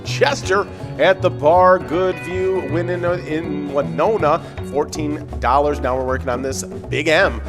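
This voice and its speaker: Easygoing man co-host, a bit high-pitched, jokey, faint music underneath. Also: unhurried, few pauses. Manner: easygoing, joking, filler-heavy. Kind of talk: casual live game-show banter.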